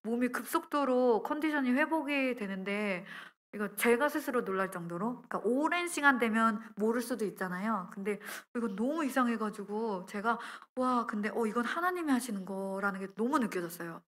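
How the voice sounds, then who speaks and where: Bright-voiced woman preaching a testimony. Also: on the high side, moderate pace. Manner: lively storytelling, acting out her own quoted words with laughs. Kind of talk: testimony sermon.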